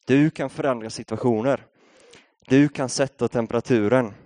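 A man's voice: mid-range voice, fairly even intonation, a little mellow, no echo. A young Swedish man preaching a sermon, telling a story in a casual, conversational way before building up to a rousing appeal. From Sweden.

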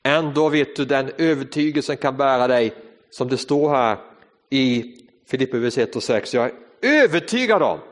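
A man preaching a sermon, earnest and storytelling, shifting between fast and slow phrases in a church. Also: medium pitch, level tone. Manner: earnest storytelling, varied tempo. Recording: reverberant hall.

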